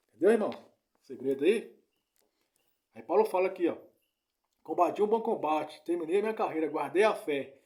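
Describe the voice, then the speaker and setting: A man's voice: high voice, dark tone. A man teaching from the Bible, repeating his points and asking his listeners "né?" and "entendeu?". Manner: repetitive, keeps asking "né?" and "entendeu?". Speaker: preacher.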